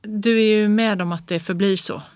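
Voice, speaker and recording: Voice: mid-range voice, steady tone, no echo, soft background music, close to an everyday voice. A reader voicing a hesitant, anxious professor. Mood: uneasy. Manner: hesitant, halting speech. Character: anxious male professor, middle-aged husband. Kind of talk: audiobook reading of classic prose.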